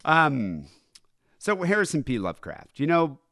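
A podcast host with a nasal voice rambles through loose, profane chat. His pitch rises and falls animatedly. The recording is close and dry. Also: huge pitch swings, a little slow, sharp tone, no echo.

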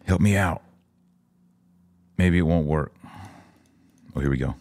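On a live podcast, a low-voiced male host alternates between reading out listener comments and reacting to them in a casual, forceful, openly opinionated way. He speaks unhurriedly with a darkish tone, and the close-miked recording is dry with almost no room sound.

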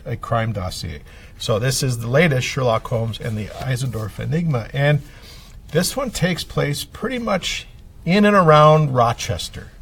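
A man's voice: mid-range voice, vocal fry, slightly rough, distant mic. Hesitant man recommending books, off-mic. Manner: hesitant, lots of ums, lists titles. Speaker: librarian guest. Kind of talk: casual radio chat.

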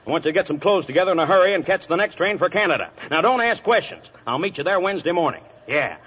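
An actor playing a crooked middle-aged police chief who barks orders, in a 1930s radio drama. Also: male voice, a little high, sing-song, fast, fairly bright tone, husky, exaggerated voice. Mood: gruff. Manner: blustering, barking orders. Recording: dull, echoey old radio broadcast.

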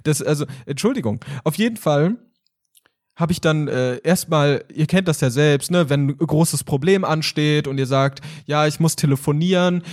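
A man's voice: fairly high pitch, normal speed, a little mellow. A man casually chatting on a podcast, telling a story with lots of energy and acting out phone calls. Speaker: podcast host. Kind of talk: casual chat.

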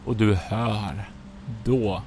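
A man running a tabletop horror game as game master, giving slow, atmospheric narration in the second person. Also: fairly low pitch, noisy background. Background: background music.

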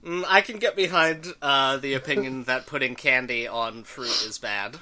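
A man with a bright, forward voice at a medium pitch. He banters casually, slipping in dry, contrary remarks. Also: normal speed. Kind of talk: casual banter among friends.

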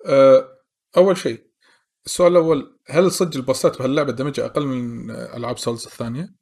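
A man's voice: mid-range voice, fairly even intonation, rapid-fire, gravelly, darkish tone. A man with a Gulf Arabic accent hosting a casual chat and asking long, rambling questions. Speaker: host.

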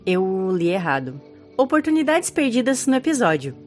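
A woman's voice: medium pitch, big pitch swings, moderate pace, a little mellow, faint music behind. A woman with a Brazilian Portuguese accent co-hosting a podcast, playfully reading out listener comments. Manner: playful, laughs often. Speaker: podcast co-host.

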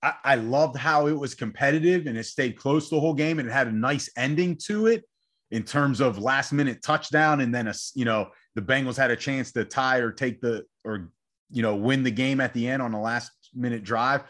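A man's voice: medium pitch, moderate pace, a bit bright. A man co-hosting a sports podcast, debating in a fired-up, rambling way and repeating himself as he talks. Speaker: podcast co-host.

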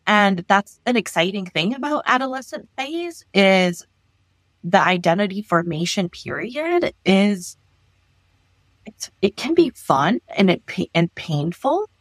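A woman therapist from Los Angeles, talking in an animated way in an interview and often restarting her sentences. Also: mid-range voice, unhurried, dry recording. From Los Angeles, United States. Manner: animated, thinks aloud with frequent restarts. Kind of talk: conversational interview.

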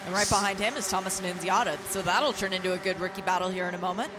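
A motorsport commentator chats through a live race as the second voice in the booth. The delivery is conversational and playful, full of banter. Car noise and trackside ambience sit clearly behind the voice. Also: medium pitch, steady tone, very fast. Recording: trackside broadcast with loud engine noise. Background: racing cars and trackside ambience.

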